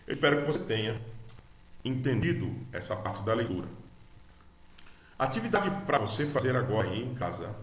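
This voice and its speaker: Brazilian guy teaching greek, goes real slow, spells every letter out, mid voice, roomy echo. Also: medium pitch, very animated. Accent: Brazilian Portuguese. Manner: spells out letters and sounds, has you repeat after him. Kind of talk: slow recorded language lesson.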